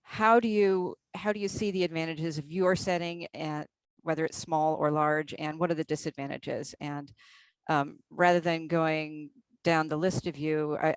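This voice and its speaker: A woman moderating a panel discussion, courteous and measured, with some hesitant fillers. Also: deep voice, smooth, dry recording, rough recording.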